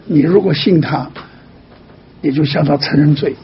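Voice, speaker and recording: A man's voice: a little high, moderate pace, highs cut off, slight background noise. Patient man teaching like a pastor. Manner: patient, teaching, keeps asking 'all right?' softly. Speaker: pastor answering a caller. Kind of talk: pastoral counseling.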